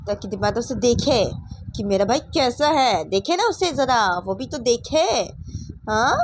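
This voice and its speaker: A woman's voice: medium pitch, background noise, voice pushed up, natural voice. Woman doing a defiant, taunting daughter. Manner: accusing, taunting, ends lines with questions. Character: defiant grown daughter confronting her mother.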